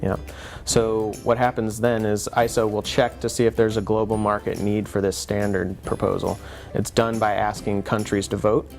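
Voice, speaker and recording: A man's voice: lowish voice, little pitch movement, moderate pace, creaky, a little mellow, faint music behind. A man presenting an explainer in a patient, conversational teaching manner. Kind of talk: semi-scripted explanatory dialogue.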